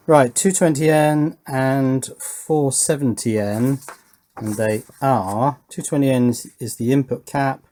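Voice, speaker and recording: Working on a hobby electronics build, a man offers casual, understated hands-on commentary, often thinking aloud and hesitating. His voice is mid-range with a dark tone.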